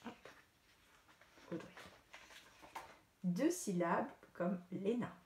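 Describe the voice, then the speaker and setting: French woman teacher, patient repetitive lesson for small children, mellow voice in a roomy space. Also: medium pitch. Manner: slow, clear, repetitive teacher talk to children. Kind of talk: recorded lesson for young pupils. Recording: echoey room with faint noise.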